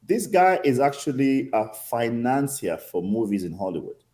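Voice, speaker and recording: Kenyan accent guy being interviewed, lively pitch, mellow tone, makes points with questions and repeats. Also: moderate pace. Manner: emphatic, uses rhetorical questions and repetition. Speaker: interview guest, consul general. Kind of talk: conversational interview answers.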